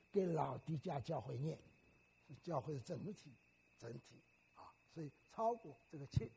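A man's voice: sits high, creaky, mellow, husky. An older man preaching a sermon in a teacherly way, often putting questions to the congregation.

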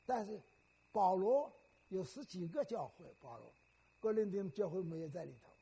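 A man's voice: high-pitched, sing-song, moderate pace, creaky, dark tone, breathy edge. An older man preaching a sermon in a teacherly way, often putting questions to the congregation.

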